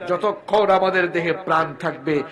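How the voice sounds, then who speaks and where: A man preaching voices a fervent male warrior companion, shouting his vow in an exalted declaration. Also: a little high, moderate pace, lightly acted.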